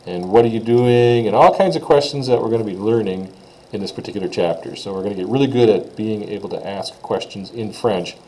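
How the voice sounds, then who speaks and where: A man's voice: fairly low pitch, brisk, mellow, low-quality recording. A man teaching a casual recorded French lesson, talking informally with frequent "uh" fillers.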